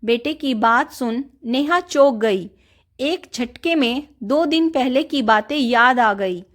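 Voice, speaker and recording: A woman narrating a story as the host of her own channel, in a calm, even storytelling manner. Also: high voice, slow pace.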